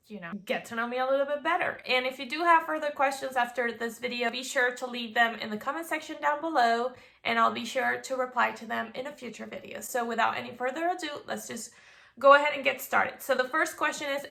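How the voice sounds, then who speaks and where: A woman's voice: fairly high pitch, creaky, pushed and bright. A woman in her twenties from Venezuela, chatting casually to camera as a vlogger, bubbly with playful asides. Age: 20s.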